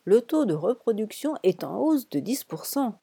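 A woman's voice: fairly high pitch, big pitch swings, normal speed, vocal fry, warm tone, slightly rough, no echo, full character voice. A woman voicing a stocky middle-aged female ranch manager, plain and matter-of-fact, in an audiobook.

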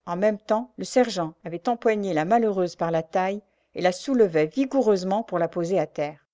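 A woman reading a novel aloud in calm, measured narration. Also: mid-range voice, no room sound, studio quality. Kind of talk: scripted audiobook narration of a novel.

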